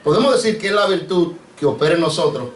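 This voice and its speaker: Un pastor predicando con acento caribeño a su congregación, con preguntas frecuentes y tratándolos de hermanos. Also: male voice, a little high, animated, quick pace, a little hiss or hum. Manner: preachy, asks the congregation questions, addresses them as brother. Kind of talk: sermon. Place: church sanctuary. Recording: echoey church, mic off at a distance.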